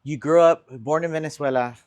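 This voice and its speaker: A man's voice: a little high, a little fast. A man hosting a casual interview and asking short, direct questions. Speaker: podcast host.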